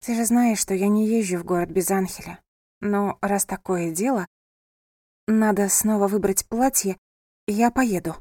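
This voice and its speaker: A woman voicing a calm, sensible pregnant young woman who speaks evenly with dry irony. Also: medium pitch, normal speed, no echo, close to an everyday voice. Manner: calm, wry.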